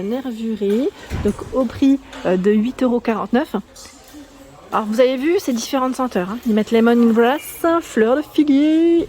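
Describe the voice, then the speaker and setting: Female vlogger, slightly high, mellow voice, casual store walkthrough, faint shop noise. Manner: chatty, friendly, many fillers. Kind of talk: casual shopping haul vlog. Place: inside a discount store.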